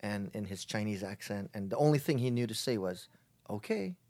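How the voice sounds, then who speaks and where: A middle-aged man speaks as an interview guest in an easy conversational way. His voice sits low, and he often stops and restarts his sentences as he thinks. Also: a little mellow. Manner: reflective, halting, with many fillers and restarts. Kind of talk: casual conversation.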